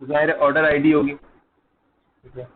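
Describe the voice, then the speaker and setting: A man's voice: fairly high pitch, little pitch movement, unhurried. A man teaching a live online coding lecture, talking while he types and checking in with students. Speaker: programming teacher. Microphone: close mic, dull over an online call. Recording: tinny call audio, faint noise.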